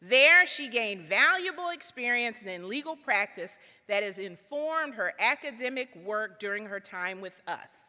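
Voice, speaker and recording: A woman's voice: a little high, animated, a little slow, hardly any pauses, pushed and bright. A woman, a law school dean, gives a ceremonial introduction at a podium, lightly joking. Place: large auditorium. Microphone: podium microphone. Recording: auditorium with long reverb.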